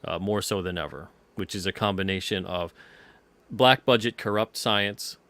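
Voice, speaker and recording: A man's voice: low-pitched, a bit bright. A man talking as an interview guest about his comic series, in emphatic, built-up phrases. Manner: emphatic, builds up phrases with pauses. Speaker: guest, comic book creator. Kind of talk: interview answers.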